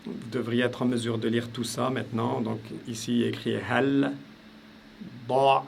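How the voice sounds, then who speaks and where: A man's voice: medium pitch, level tone, moderate pace, creaky, a little mellow, slight background noise. A man teaching a casual spoken lesson, explaining step by step and repeating sounds aloud with frequent hesitations. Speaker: language teacher.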